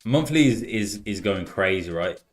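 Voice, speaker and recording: Low-voiced Birmingham man chatting on a live stream. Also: moderate pace, soft background music. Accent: Birmingham English, softened by years in Australia. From Birmingham, England. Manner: relaxed and chatty, repeats words, says "like" and "man" often. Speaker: live-stream trading host. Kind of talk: casual live-stream chat and chart commentary.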